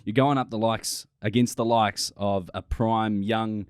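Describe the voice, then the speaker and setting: A man's voice: on the low side, fairly even intonation, a little slow, clear, resonant tone, no room sound, studio quality. An Australian man hosting a podcast interview, laid-back and casual, with lots of "yeah, yeah" backchannels and the odd swear.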